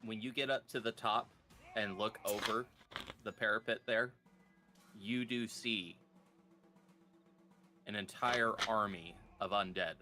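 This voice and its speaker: A man narrating a tabletop game as game master, describing scenes slowly. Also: fairly low pitch, steady tone, pushed and bright, faint music behind.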